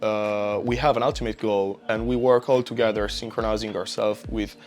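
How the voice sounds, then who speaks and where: A man from Italy, a computer scientist speaking deliberately in an interview. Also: lowish voice, little pitch movement, faint music behind.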